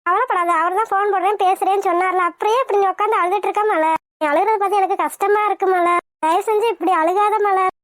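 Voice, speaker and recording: A woman's voice: very high voice, fairly even intonation, quick pace. A woman voicing a caring young friend in a cartoon, coaxing and soothing.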